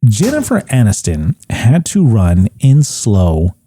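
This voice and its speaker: A man's voice: fairly low pitch, huge pitch swings, slow, mellow, slightly rough. A man hosting a casual film recap, joking and swearing freely as he retells scenes. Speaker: podcast host.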